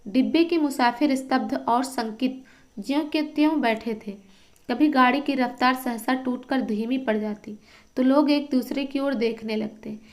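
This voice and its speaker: A woman's voice: high voice, a little slow. A woman teaching Hindi literature who reads a story aloud and stops to explain it for exam students. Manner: reads a passage, then stops to quiz and explain.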